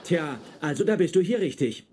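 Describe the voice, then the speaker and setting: A man's voice: a little high, lively intonation, moderate pace, dark tone, a little hiss or hum, close to an everyday voice. A man dubbing a pedantic, socially awkward male genius physicist in a sitcom, speaking in a precise, formal and stiff way. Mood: prim. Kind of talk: dubbed sitcom acting.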